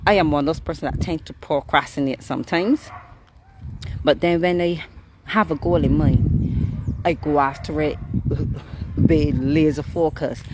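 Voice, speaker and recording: A fitness vlogger, out of breath after a run, giving an upbeat, encouraging pep talk outdoors on a windy evening. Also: mid-range voice. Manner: upbeat, encouraging, slow and deliberate. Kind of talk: motivational vlog talk. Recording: loud wind and outdoor noise.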